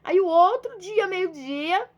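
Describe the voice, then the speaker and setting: A woman's voice: very high voice, animated, slow, dull audio. A young adult woman with a Minas Gerais accent, giving an informal devotional talk, telling a homely story and acting out bits of dialogue. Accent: Minas Gerais Portuguese. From Minas Gerais, Brazil. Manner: conversational, storytelling with acted dialogue. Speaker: preacher.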